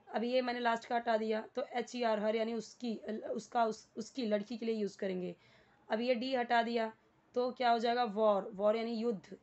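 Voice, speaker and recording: A woman's voice: fairly high pitch, a little mellow, highs cut off. A woman with an Indian accent teaching beginner English, explaining a worksheet patiently and spelling words out letter by letter.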